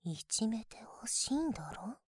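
Breathy, high teasing whisper from a young woman: mischievous invisible girl from the future, dry and close. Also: big pitch swings, normal speed, dry recording. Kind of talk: ASMR whispering roleplay.

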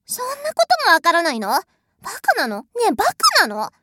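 A woman's voice: extremely high pitch, huge pitch swings, fast, background noise, full character voice. A woman voicing a haughty, spoiled rich young lady who is bossy, cruel and scornful, in an audio drama. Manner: imperious, scornful, mocking. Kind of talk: adult audio drama role-play.

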